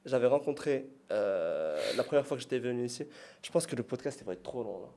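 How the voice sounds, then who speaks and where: A man's voice: medium pitch, lively intonation, a little fast, mellow. Hesitant man rambling in casual chat. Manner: hesitant, rambling, self-conscious, laughs at himself. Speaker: podcast guest and business partner.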